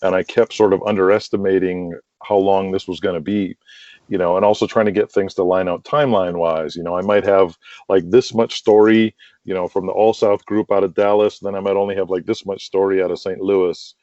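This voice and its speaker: Deep-voiced and brisk, the man keeps his intonation fairly even, with a darkish tone. As a casual interview guest discussing the wrestling audio drama he writes, he rambles on with plenty of filler like "you know" and "like," heard over echoey, dull lo-fi call audio.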